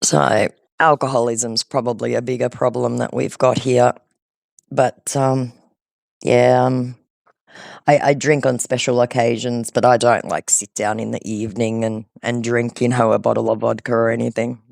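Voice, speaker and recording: This scambaiter's medium-pitched voice is creaky, with little pitch movement and a normal pace. Recorded dry in studio quality, he chats casually with a scammer, chatty and explanatory.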